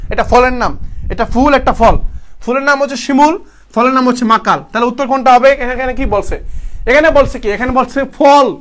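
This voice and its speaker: Very high-voiced young man teaching. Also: fairly bright tone. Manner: drills students with repeated questions he answers himself; encouraging, motivational. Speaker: university admission coaching teacher. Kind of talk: online live class.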